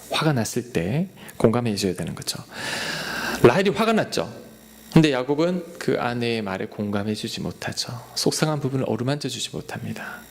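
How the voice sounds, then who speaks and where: Gravelly, lively Korean pastor preaching. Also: male voice, mid-range voice. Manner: lively preaching, acts out quoted dialogue. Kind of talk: sermon.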